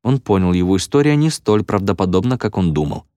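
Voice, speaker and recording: A man narrating an audiobook with expressive storytelling. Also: sits low, fairly quick, no room sound. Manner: expressive storytelling with lively intonation.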